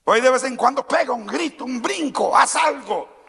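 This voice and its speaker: A male pastor preaching a sermon, moving between calm teaching and shouted calls to move and praise. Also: extremely high pitch, normal speed, creaky, slightly rough, big-room sound. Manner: swings from quiet teaching to shouted exhortation; mimics timid churchgoers in a small mocking voice. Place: church sanctuary.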